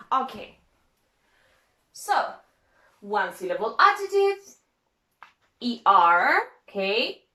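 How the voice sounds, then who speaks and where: A woman's voice: fairly high pitch, pushed and bright. A woman teaching an English grammar lesson, spelling out letters one at a time and checking in with "okay?" after nearly every phrase.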